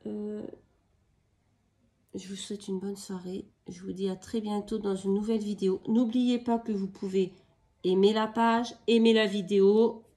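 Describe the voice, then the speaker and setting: A woman, a mother, showing her craft purchases in a casual haul video, speaking slowly with many hesitations and fillers. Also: medium pitch, little pitch movement, warm tone. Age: adult, with children. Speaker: craft vlogger.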